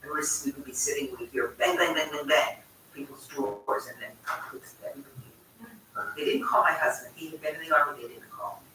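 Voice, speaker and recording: An older woman telling a personal story to a group, chatty and animated, often breaking off mid-sentence and laughing. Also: deep voice, brisk, recorded from a distance, a little hiss or hum. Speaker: congregant sharing a memory. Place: large community room at a congregation. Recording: echoey room recorded from afar.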